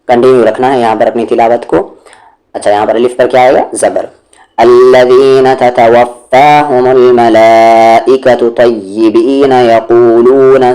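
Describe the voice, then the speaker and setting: A man teaching Quran recitation rules, explaining patiently step by step and reciting verses slowly and melodically. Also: lowish voice, mellow. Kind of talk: explanatory tajweed lesson with recited examples.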